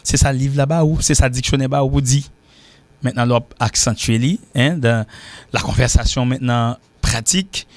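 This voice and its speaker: A man with a Haitian accent teaching English in a casual spoken lesson, repeating phrases slowly as drills. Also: mid-range voice, dry recording. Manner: chatty, loose phrasing with many restarts.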